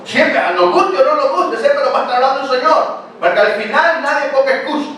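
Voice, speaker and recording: A man's voice: very high voice, fast, fairly bright tone. An older man preaching a sermon as pastor, talking to the congregation in a casual way and asking them many rhetorical questions. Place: church hall. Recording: very echoey church hall, picked up from a distance.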